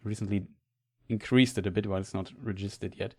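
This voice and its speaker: A man's voice: fairly low pitch, fairly even intonation, fairly quick, dark tone. A man, an English speaker, chatting casually with viewers while live-streaming a game, rambling and restarting his sentences.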